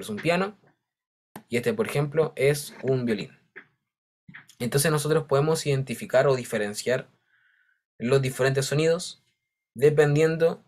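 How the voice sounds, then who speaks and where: Man, teacher, patient step-by-step explaining, frequent check-ins. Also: medium pitch. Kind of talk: online class lecture.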